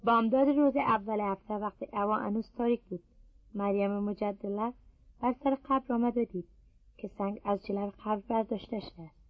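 Woman, scripture reading aloud, measured delivery, mid-pitched voice, dull close sound. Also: no echo. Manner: steady, measured reading pace. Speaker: scripture reader.

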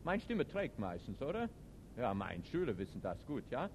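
A man preaching a sermon to a live audience. He speaks emphatically, with non-native German grammar, and moves between loud outbursts and quiet reflection. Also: mid-range voice, huge pitch swings, moderate pace, slight background noise. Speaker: preacher and teacher.

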